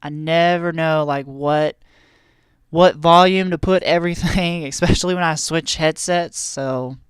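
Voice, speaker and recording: A man's voice: on the high side, fairly even intonation, unhurried, clear, resonant tone, no echo. A man streaming a park-building game, talking casually through a headset at home with lots of fillers and restarts. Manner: rambling, chatty, many fillers and restarts. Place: home room with a heater.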